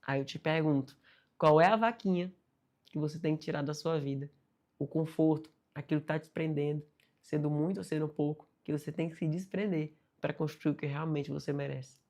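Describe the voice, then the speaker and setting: Woman guest telling a story, gets animated doing the voices, lowish gravelly tone. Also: a little fast. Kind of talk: casual interview chat.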